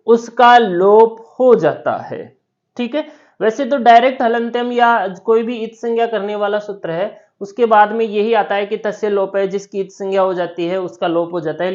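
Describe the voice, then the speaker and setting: A woman teaching a grammar lesson, explaining each rule slowly, repeating key terms and asking the class questions. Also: medium pitch, darkish tone, lo-fi sound. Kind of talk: classroom lecture.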